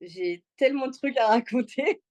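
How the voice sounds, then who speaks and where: Here a Congolese woman, in Belgium since she was six, chats through personal stories as an interview guest, informal and full of slang. Her voice is high, expressive and slightly mellow, moving at a moderate pace.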